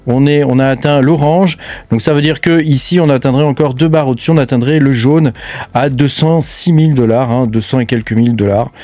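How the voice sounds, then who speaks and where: A man's voice: medium pitch, fairly quick, mellow, no room sound. A man hosting a casual screen-share walkthrough, talking to the viewer familiarly and filling nearly every phrase with hesitations. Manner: chatty, fills every phrase with "hein" and "euh". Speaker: crypto channel host.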